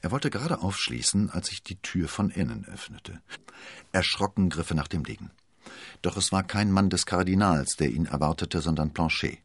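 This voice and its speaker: Male audiobook narrator, deep and husky, expressive storytelling. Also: moderate pace, dry recording.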